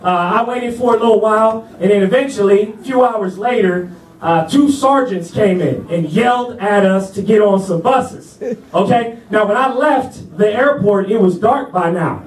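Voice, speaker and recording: A man with a very high voice tells a stand-up story in a laid-back, chatty way, often checking in with the crowd. He sounds far from the mic in a roomy club. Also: normal speed. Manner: laid-back, chatty, asks the crowd "you know what I'm saying". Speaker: stand-up comedian. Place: comedy club stage.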